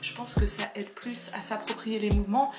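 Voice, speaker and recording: A woman's voice: medium pitch, steady tone, brisk. A woman chatting casually to her camera in a vlog, laughing often and poking fun at herself. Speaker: vlogger. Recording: echoey room with music playing.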